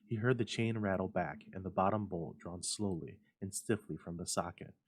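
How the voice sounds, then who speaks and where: A man's voice: low voice, moderate pace, a little hiss or hum. A man reading a classic horror story aloud as a suspenseful, theatrical narrator. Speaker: library staff storyteller. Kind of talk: dramatic scripted story narration.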